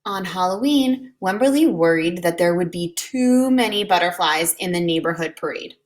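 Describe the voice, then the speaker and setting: A woman reading a children's picture book aloud in an expressive, deliberate way, like a preschool teacher. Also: on the low side, a little hiss or hum. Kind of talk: children's storybook read-aloud.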